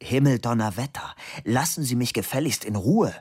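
Ein Mann, der in einer Hörbuchlesung einen gereizten, empörten Mann in den Dreißigern spricht. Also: male voice, mid-range voice, animated, moderate pace, a little mellow, slightly rough, voice pushed up. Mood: indignant. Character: indignant man in his thirties.

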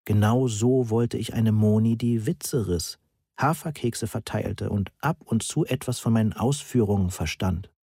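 A man reading a novel aloud in the first person in an even, measured way. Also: lowish voice, slightly rough, no echo, studio quality. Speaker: audiobook narrator.

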